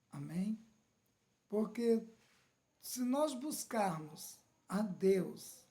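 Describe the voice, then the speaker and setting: Slow, mellow-voiced Brazilian woman preaching. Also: mid-range voice, creaky, a little hiss or hum. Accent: Brazilian Portuguese. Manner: slow, questioning, asks "Amém?" and "né?" often. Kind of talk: sermon.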